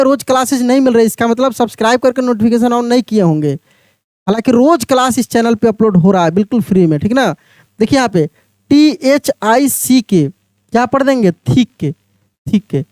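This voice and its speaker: A man teaching an English pronunciation lesson, spelling words out letter by letter and repeating each one slowly while quizzing his viewers. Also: high-pitched, a little mellow, no room sound, studio quality.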